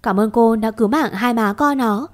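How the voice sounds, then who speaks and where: A woman's voice: a little high, normal speed, lightly acted. A woman voicing an earnest young man who pleads and stammers as he searches for his lost love.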